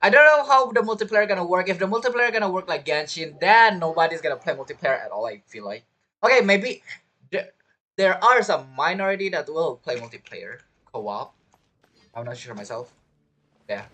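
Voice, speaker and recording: Behind her talk you can hear video game music and character dialogue. She's a woman streaming a game, not a native English speaker, with a lowish, fairly bright, sing-song voice at a moderate pace. Her casual chatter is hesitant and wandering, repeating phrases and circling back.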